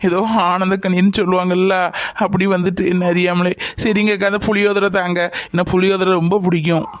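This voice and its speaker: A man plays an emotional pregnant young woman in a homemade family skit. The voice sits high and sounds close and dry. She talks in a grateful, pleading way. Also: little pitch movement, brisk, no echo, lightly acted. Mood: tearful.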